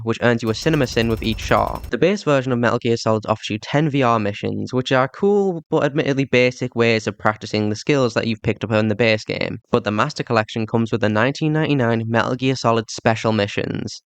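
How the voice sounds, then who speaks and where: This man, with a medium-pitched, smooth voice and a thick Yorkshire accent, hosts a game retrospective video. His scripted commentary shifts into casual thanks to viewers. It's recorded on a cheap budget microphone with no room sound.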